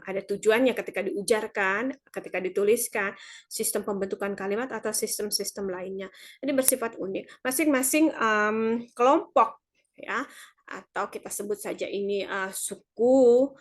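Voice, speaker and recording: Dosen perempuan menjelaskan sambil ragu-ragu. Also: female voice, mid-range voice, normal speed. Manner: explanatory, many filler hesitations. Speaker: university lecturer. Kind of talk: online lecture.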